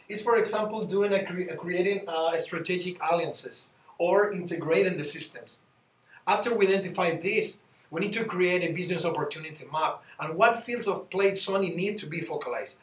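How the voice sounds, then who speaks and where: A man from Chile, giving a team business presentation and pausing now and then to search for words. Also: sits high. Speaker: student presenter. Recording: roomy, distant mic.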